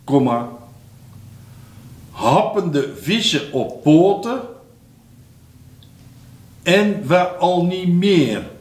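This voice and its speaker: Guy reading a dictation real slow, calls out the punctuation low, roomy echo. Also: animated, a little mellow. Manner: reads each phrase slowly, then drops low to call out punctuation. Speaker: dictation reader.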